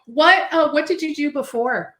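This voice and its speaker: A woman's voice: sits high, normal speed, fairly bright tone. Enthusiastic woman host in an echoey room. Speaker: interview host. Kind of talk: casual interview chat.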